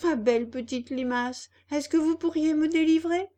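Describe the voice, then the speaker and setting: A woman voicing an impatient wooden puppet boy who talks high, loud and urgent. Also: normal speed, natural voice. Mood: pleading impatient.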